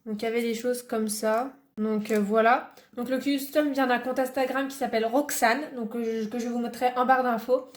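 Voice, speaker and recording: A chatty woman from France talks through a relaxed show-and-tell vlog. Her voice sits a little high, and she fills her sentences with hesitations and small restarts. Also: moderate pace. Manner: chatty, many fillers and restarts. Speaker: hobby vlogger.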